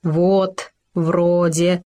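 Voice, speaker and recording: A woman's voice: fairly low pitch, level tone, extremely slow, warm tone. A woman doing a preachy know-it-all hamster. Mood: coaxing. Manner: insistent, lecturing.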